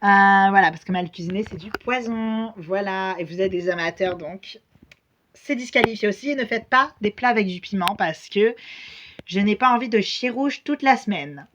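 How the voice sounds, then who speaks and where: A woman's voice: mid-range voice, normal speed, fairly bright tone, muffled recording, a little hiss or hum, close to an everyday voice. A woman voicing a bossy young cooking judge who lays down rules bluntly and crudely.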